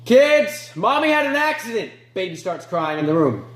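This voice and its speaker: A man playing a remorseless male killer in an amateur film monologue, moving between low mutters and sharp outbursts. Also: sing-song, moderate pace, roomy sound. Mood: cold, detached. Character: remorseless male killer recounting his crimes.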